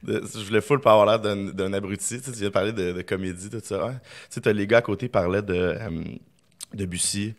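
A man with a Quebec French accent talks fast in a low voice. He tells loose, rambling stories stuffed with fillers. It is a relaxed podcast chat. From Quebec, Canada. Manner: rambling anecdotes full of fillers. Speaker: podcast guest, film director. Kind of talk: casual chat.

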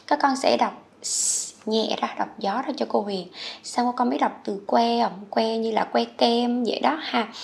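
Gravelly-voiced Vietnamese woman teaching kids. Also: on the high side, darkish tone. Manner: patient, coaxing, drills words slowly and repeats them. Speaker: English teacher for children. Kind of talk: children's vocabulary lesson. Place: HCMC.

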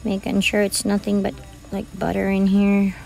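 A woman's voice: medium pitch, completely flat delivery, normal speed, gravelly, darkish tone, soft background music, low-quality recording. A woman vlogging as she shops in a large store, chatting to her viewers in a rambling, casual way. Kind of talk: casual chat while shopping.

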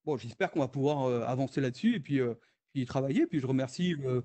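A French economist guest speaker presents in a video-call webinar in a warm, fast, mid-range voice. His delivery is hesitant, packed with fillers and restarts.

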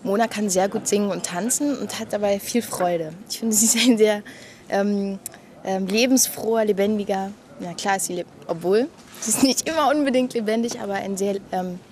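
A woman's voice: medium pitch, normal speed, a little mellow. Young woman searching for words. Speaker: actress in an interview. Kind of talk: making-of interview.

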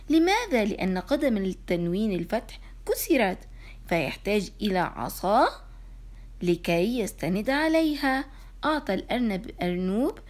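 A woman teaching kindergarten children in an online lesson, encouraging and asking questions, answering them herself and drawing out syllables slowly. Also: a little high. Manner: slow, drawn-out syllables when sounding out words. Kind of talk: e-learning lesson for young children.

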